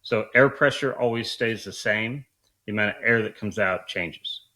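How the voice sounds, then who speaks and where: Low, bright-voiced man coaching informally. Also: moderate pace, poor audio. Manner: explanatory, informal and colloquial. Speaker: duck calling coach. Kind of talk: conversational instruction.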